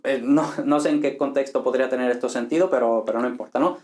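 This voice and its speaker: Chatty lecturer in an echoey room. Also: male voice, medium pitch, fast talker, darkish tone. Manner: thinks aloud, many tag questions and restarts. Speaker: Latin teacher. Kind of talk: informal recorded lecture.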